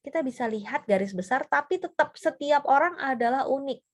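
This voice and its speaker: A woman's voice: high-pitched, lively intonation, brisk. A woman giving a casual seminar talk on personality types, chatty and full of fillers and tag questions. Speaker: trainer.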